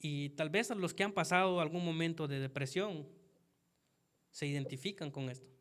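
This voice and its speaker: A man preaching a sermon earnestly, talking straight to the congregation and swinging from quiet asides to loud emphasis. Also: on the high side, moderate pace. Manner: earnest, addresses listeners as "hermano".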